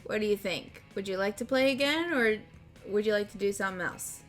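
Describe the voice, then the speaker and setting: A woman streamer chatting casually and easily while hosting party games on a livestream, often quick to laugh. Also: mid-range voice. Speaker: streamer and host. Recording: music playing behind the voice.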